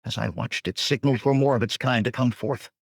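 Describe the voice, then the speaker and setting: A man's voice: mid-range voice, vocal fry, husky, no room sound, studio quality, pitched above the performer's own voice. A man voicing a nervous, shifty male bandit tracker who talks defensively and in a rush. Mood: fearful. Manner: defensive, hurried.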